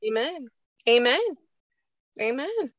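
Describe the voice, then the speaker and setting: A woman's voice: sits high, very animated, slow, a bit bright, dry recording, muffled recording. A woman, earnestly telling a personal story in a casual faith chat. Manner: earnest, emotional storytelling, folksy. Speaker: co-host of a faith show.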